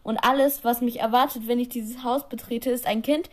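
A woman voicing an angry, bitter grown man who snaps loudly at his daughter. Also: steady tone, moderate pace, close to an everyday voice. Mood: furious. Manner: loud, snapping, raised pitch.

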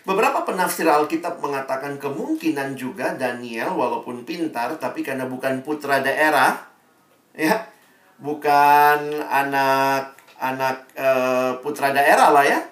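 A man preaching a sermon to young people, telling the story in a lively way and acting out the quotes. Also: medium pitch, measured pace. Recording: roomy sound, mic far off.

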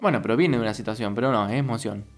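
A man's voice: mid-range voice, racing, soft background music. A man with a Rioplatense Spanish accent co-hosting a casual podcast, thinking aloud and searching for words. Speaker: podcast co-host. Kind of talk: casual chat.

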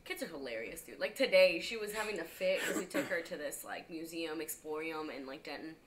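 A woman's voice: sits low, lively intonation, brisk, noisy background. A woman chatting casually on a podcast as a comedian guest, laughing often and swearing casually.

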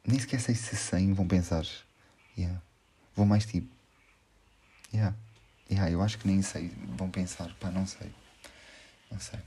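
A man's voice: deep voice, fairly even intonation, normal speed, long pauses, dark tone, slightly rough. A young man with a European Portuguese accent, talking in a casual, slangy monologue, hesitating and circling back on his thoughts. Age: young adult. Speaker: podcast host.

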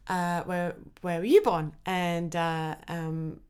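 Aussie woman comic telling stories on a podcast, clear smooth voice, chatty. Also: lowish voice, takes it slowly. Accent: Australian. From Australia. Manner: chatty, with lively acted-out quotes. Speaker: comedian guest. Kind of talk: casual podcast chat.

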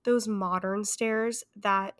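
A woman's voice: medium pitch, steady tone, slow pace, fairly bright tone. Teasing young woman podcaster. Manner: teasing storyteller, prone to laughing fits. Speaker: podcast co-host. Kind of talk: casual chat.

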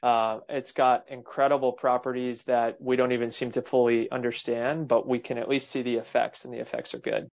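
A man hosting an interview, speaking in a reflective, measured way with occasional fillers. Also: medium pitch, little pitch movement, gravelly, a little mellow. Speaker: interview host. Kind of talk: conversational interview.

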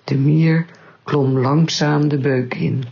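A woman reading a children's story aloud in a calm, measured way. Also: low-pitched, creaky, husky, lo-fi sound.

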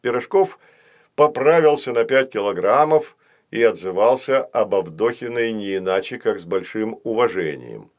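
Expressive male storybook narrator. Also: fairly low pitch. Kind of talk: children's audiobook narration.

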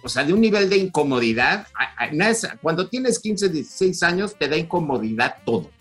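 A man's voice: on the high side, big pitch swings, fairly quick, fairly bright tone, husky, faint music behind. A man with a Mexican Spanish accent co-hosting a podcast, chatting casually about a film in a rambling way, full of fillers and restarts. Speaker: podcast co-host.

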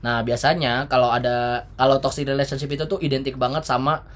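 A man's voice: medium pitch, flat delivery, fairly quick. Male podcast host, playful and laughs a lot; leads the chat. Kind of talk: casual chat. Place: air-conditioned room.

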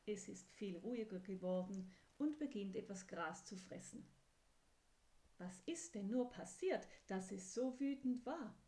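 A woman narrating a calm children's story in a gentle voice, now and then dropping to a whisper. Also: medium pitch, moderate pace, few pauses.

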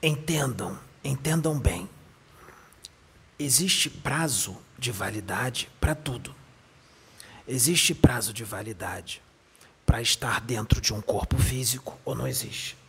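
A man speaking as a male spirit guide in a raspy voice, teaching with emphatic repetition and rhetorical questions. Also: mid-range voice, slow pace, a bit bright, exaggerated voice. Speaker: medium channeling a spirit.

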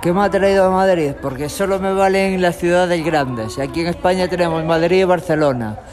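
A young man from Galicia, a street guitarist, talking in a relaxed, rambling way in an outdoor tunnel. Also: high-pitched, a little fast. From Galicia, Spain. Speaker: street musician. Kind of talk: street interview. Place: tunnel in a city park, outdoors.

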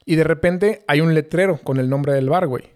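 A man's voice: a little high, a little fast, darkish tone. A young man with a Mexican Spanish accent, telling a long story in casual, slangy chat full of fillers. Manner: slangy, rambling, many fillers.

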